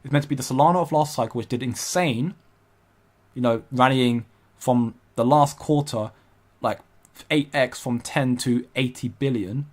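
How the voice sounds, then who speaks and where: A young man hosts a casual crypto livestream in a mid-range voice at normal speed, reading out viewer comments. He rambles and hesitates, restarts often and laughs a lot.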